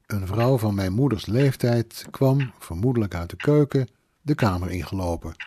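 A male audiobook narrator reading a first-person story in a measured, plain storytelling manner. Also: fairly low pitch, expressive, mellow, slightly rough, dry recording, clean studio sound.

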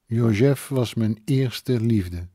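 A man's voice: mid-range voice, mellow, dry recording. A man voicing a tipsy, grieving woman of thirty-one who slurs, drags her words and gropes for them. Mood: tipsy, wistful. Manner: slurred, drawn-out, searching for words. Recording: dry close studio sound.

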